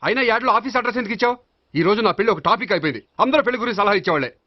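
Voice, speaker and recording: A man's voice: sits high, expressive. A man in a comic film scene, playing an exasperated young office worker. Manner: exasperated, quick retorts. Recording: dry, dull film soundtrack with faint music.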